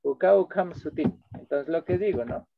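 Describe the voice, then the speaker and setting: A man with a slightly raised pitch gives an online lecture as a translation instructor, moving between two languages and pausing to ask whether his listeners follow. His voice comes through dry and close, with no room around it. The video-call audio sounds dull and lo-fi. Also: gravelly, no echo. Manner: explanatory, checks in with listeners often; switches between two languages while teaching.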